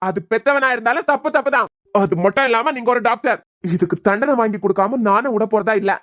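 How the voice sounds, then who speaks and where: A woman's voice: fairly high pitch, fast, a bit bright, natural voice. A woman with a Kanyakumari Tamil accent voicing a stern young male doctor who scolds and interrogates in a cartoon. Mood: indignant. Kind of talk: cartoon voice acting.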